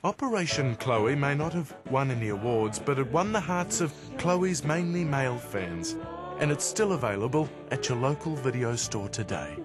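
Man, wry mock-documentary narration, lively intonation, music behind. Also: medium pitch, moderate pace. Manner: wry, tongue-in-cheek.

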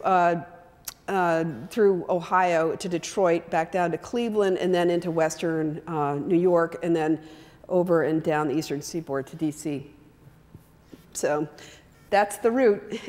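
A woman in her sixties giving an illustrated talk into a handheld microphone in a large hall, chatting with the audience and using many fillers. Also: fairly low pitch. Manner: conversational, animated with hand gestures, many fillers. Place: large hall with wooden floor. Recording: long hall reverb.

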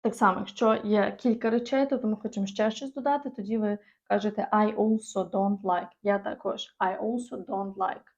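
A patient woman from Ukraine teaching English online, stretching out her example phrases. Her voice sits at a middle pitch and comes through a dull, muffled lo-fi recording. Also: fairly even intonation, moderate pace, few pauses. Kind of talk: online language lesson.

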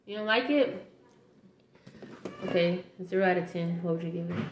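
Here the young adult vlogger's voice sits fairly low and moves at a moderate pace as she runs a light, joking taste test for the camera at home. Echo, faint noise, and clicks from handling can be heard.

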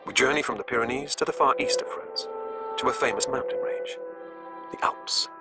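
A man with a British accent narrating a scripted nature documentary with measured, deliberate phrasing. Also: medium pitch, wildly swooping pitch. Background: music.

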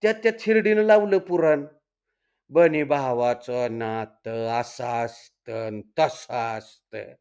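Man voicing a young village guy, indignant, rural dialect, slow, dull lo-fi sound. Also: mid-range voice, a little mellow, clear, resonant tone, voice pushed down. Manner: rural dialect, scolding and grumbling. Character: young village man, cocky, tricked and sulking. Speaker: storyteller voicing a character. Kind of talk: dramatic Marathi story reading.

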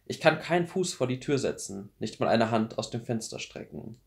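A man voicing a weary, regretful older mentor in an audiobook, speaking calm and measured. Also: medium pitch, vocal fry.

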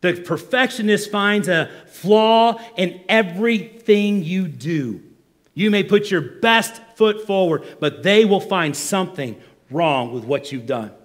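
A male pastor preaching a sermon, animated and acting out the voices of complainers. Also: high voice, slow pace.

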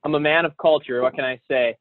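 A man's voice: on the high side, steady tone, fast talker, dry recording. A man hosting a casual chat show, joking and laughing as he rambles. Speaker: host. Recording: dry, tinny phone-like sound.

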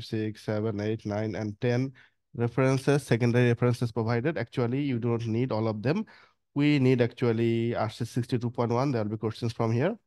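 Bangladeshi english guy walking through a study guide, casual, lots of uh and actually, medium pitch, dry sound. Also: a little mellow, dry recording. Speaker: course instructor. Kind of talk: screen-share exam prep lecture.

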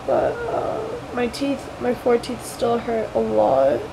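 Tired, gravelly young woman after nose surgery. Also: fairly even intonation, slow, noisy background. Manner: tired, low-key, rambling. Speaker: vlogger recovering from nose surgery. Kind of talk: casual vlog update. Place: at home indoors.

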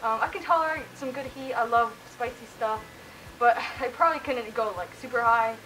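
A woman in a costume head fields viewer questions in a casual chat, rambling comfortably and dropping in fillers and laughs. Her slightly high voice moves briskly. The recording is rough, with slight background noise.

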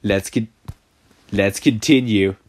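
A man's voice: lowish voice, slow, darkish tone. A man doing casual gameplay commentary, sarcastic and crude, mocking the game. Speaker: gaming channel host. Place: voice-over of a mobile game.

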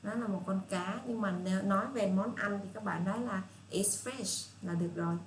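A woman with a Southern Vietnamese accent teaching children English, patient and repetitive, reading English phrases out slowly. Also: mid-range voice. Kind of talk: casual spoken lesson for children. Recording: echoey room with faint hiss.

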